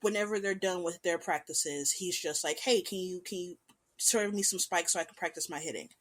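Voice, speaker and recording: A woman hosting a casual show, talking about an anime in an animated, chatty way with lively swings in pitch and loudness. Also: a little fast. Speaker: podcast host.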